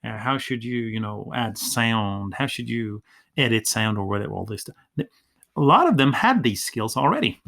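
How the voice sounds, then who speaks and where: A Swedish ESL teacher, appearing as a podcast guest, chats in English as a second language during a casual interview. His mid-range voice is gravelly and fairly bright, very animated at a normal pace, and he frequently restarts sentences and acts out classroom dialogue.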